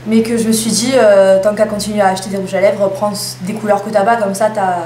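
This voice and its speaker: Chatty young woman, echoey room. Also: medium pitch. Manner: chatty, self-mocking asides. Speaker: beauty vlogger. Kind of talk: casual haul video. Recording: echoey room with faint hum.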